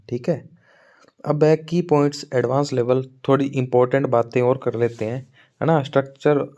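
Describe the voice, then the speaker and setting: A man giving an exam-prep English teaching lecture. He talks conversationally, keeps checking in with "है ना?", and reads the English points slowly before explaining them. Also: medium pitch, dark tone, dull audio. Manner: conversational, keeps asking "है ना?" to his students. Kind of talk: Hindi lecture on teaching methods.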